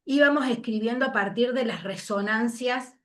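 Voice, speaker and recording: A woman giving an invited talk over a video call, moved and reflective, pausing often with fillers. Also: on the high side. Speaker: invited speaker.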